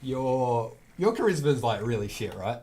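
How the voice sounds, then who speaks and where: A man's voice: mid-range voice, expressive, unhurried, a little mellow. A man casually narrating an improvised tabletop game as game master. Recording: background noise at live table.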